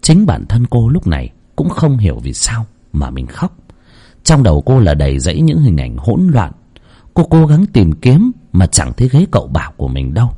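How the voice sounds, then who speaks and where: A man narrating a horror story with dramatic, expressive delivery. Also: lowish voice, moderate pace, breathy edge.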